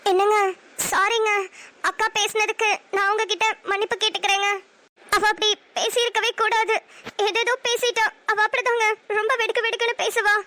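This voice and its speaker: A woman's voice: extremely high pitch, little pitch movement, brisk, bright, forceful tone, no echo. A woman with a Namakkal Tamil accent voicing a playful, bossy young wife who chats and banters in a cartoon. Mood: apologetic. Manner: chatty, bantering. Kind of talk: cartoon voice acting.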